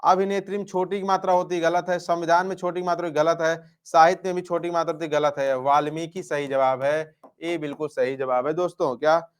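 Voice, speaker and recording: A man's voice: on the high side, steady tone, fairly quick, clear, resonant tone. A male Hindi grammar teacher working through exam questions, repeating each answer and asking and then answering his own questions. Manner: repeats answers, asks "क्या?" and answers himself; calls students affectionate nicknames.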